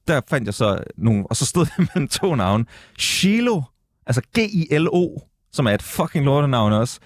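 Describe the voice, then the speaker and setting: A man's voice: medium pitch, no echo. A laid-back man with a West Jutland accent chatting as a radio guest. He swears freely and fills his talk with ums. His voice sits mid-range and sounds close and dry, with no room around it. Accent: West Jutland Danish. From West Jutland, Denmark. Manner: laid-back, swears a lot, many fillers. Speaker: musician guest. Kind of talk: casual radio chat. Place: radio studio.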